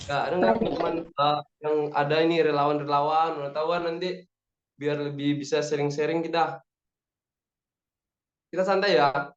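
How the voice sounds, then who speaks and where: A young man in his twenties from Padang speaks as a relaxed, talkative guest in an online meeting, cheering his listeners on. His voice sits a little high. The call audio is roomy and echoey, with a dull, lo-fi sound. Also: moderate pace, long pauses, background noise. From Padang, West Sumatra, Indonesia. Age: 20s. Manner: relaxed, chatty, rallying the audience. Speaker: guest speaker, aviation cadet. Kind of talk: casual talk in an online meeting.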